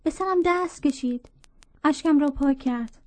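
Woman storyteller, high voice, mellow tone, dry close sound, measured reading. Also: no echo. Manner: measured storytelling with dialogue read in. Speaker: narrator. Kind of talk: audiobook narration.

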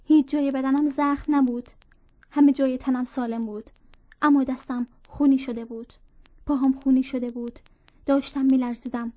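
High-voiced woman narrating a story. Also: flat delivery, warm tone, dry recording. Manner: measured storytelling with dialogue read in. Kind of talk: audiobook narration.

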